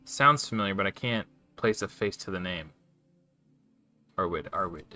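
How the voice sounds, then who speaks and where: Live on stream, this man talks loosely about the game he's playing, looping back with frequent restarts and self-corrections. He speaks at a normal speed in a low, expressive voice with a sharp edge.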